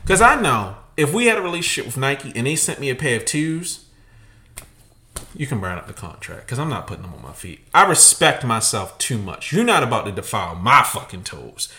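Guy in his 30s ranting on a podcast, bright forceful voice, really animated, brash and sweary. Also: mid-range voice, brisk. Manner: brash, profane, emphatic. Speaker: podcast co-host. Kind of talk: casual opinionated rant.

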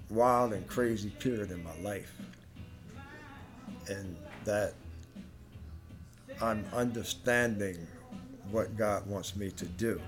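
Guy doing a laid-back faith podcast solo, talks right at you, music going behind him. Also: on the low side. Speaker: podcast host. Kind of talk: casual spiritual monologue.

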